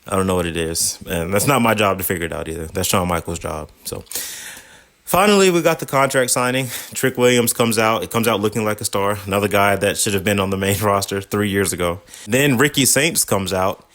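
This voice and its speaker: A podcast host with a fairly low voice walks through a wrestling episode in a casual recap. He sounds exasperated and sarcastic, rambling from one complaint to the next. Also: fairly quick, fairly bright tone.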